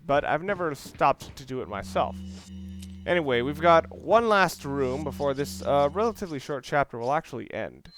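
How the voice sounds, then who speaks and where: A man with a slightly high, somewhat bright voice gives casual let's-play commentary on a game. He explains things analytically and often corrects himself along the way. The recording is noisy, with clearly audible background noise.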